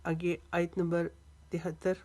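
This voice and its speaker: A woman with a somewhat low voice gives a tajweed lesson. She explains each rule in plain speech, then recites the verse slowly and stretches out the sounds. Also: flat delivery, a little mellow. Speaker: Quran tajweed teacher.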